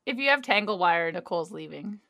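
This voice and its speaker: A woman in casual chat, teasing and quick to laugh. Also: lowish voice, lively intonation, bright, forceful tone.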